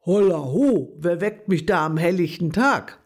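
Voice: medium pitch, lively intonation, measured pace. A storyteller voicing a friendly, sleepy male raccoon who talks in an easygoing, cheerful way. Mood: drowsy.

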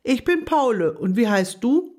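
A woman's voice: fairly high pitch, big pitch swings, unhurried, a little mellow, pitched above the performer's own voice. A woman voicing a friendly, easygoing male raccoon in a children's story, in a cheerful storybook voice.

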